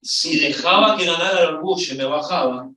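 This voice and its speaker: A middle-aged man with an Argentine accent preaching a sermon, telling a story with lively rises in his voice. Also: on the high side, a little fast. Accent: Argentine Spanish. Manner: storytelling, lively, voice rising when excited. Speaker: pastor. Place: church hall. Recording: echoey church from far off.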